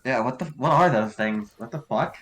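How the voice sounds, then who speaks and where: A man's voice: mid-range voice, expressive, normal speed. A man talking casually as a tabletop game player. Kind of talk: casual chat.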